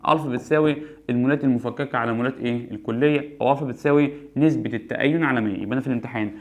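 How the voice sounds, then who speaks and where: A man's voice: medium pitch, rapid-fire. A man with an Egyptian Arabic accent giving a chemistry exam review, asking questions and answering them himself and repeating key points. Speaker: chemistry teacher.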